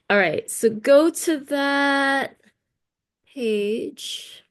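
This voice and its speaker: With a high voice and drawn-out words, a woman leads an online teaching workshop over video. She's from the US, her first language is Cantonese, and her conversational style leans on tag questions to check in often.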